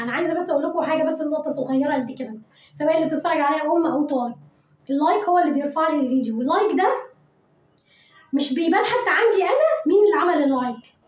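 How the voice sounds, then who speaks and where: High-voiced Egyptian woman teaching English words. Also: darkish tone, echoey room, poor audio. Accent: Egyptian Arabic. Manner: repeats each word slowly, coaxing pupils to say it after her. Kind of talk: vocabulary lesson for children.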